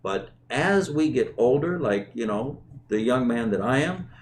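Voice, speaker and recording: A man's voice: medium pitch, animated, a little slow, a little hiss or hum. A middle-aged man hosting a show in a conversational, unscripted way, repeating words and phrases for emphasis. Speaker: host of a company community show.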